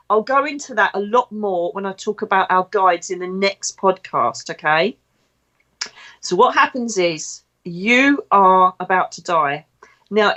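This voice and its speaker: A woman's voice: medium pitch, muffled recording. A British woman, a psychic medium, hosting her podcast and telling stories in a chatty, rambling way. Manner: chatty, rambling, lively retelling. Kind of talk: casual storytelling podcast.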